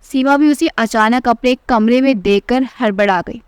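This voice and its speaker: A woman narrating a scripted family story in an even, measured way. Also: a little high, clear, resonant tone, no echo.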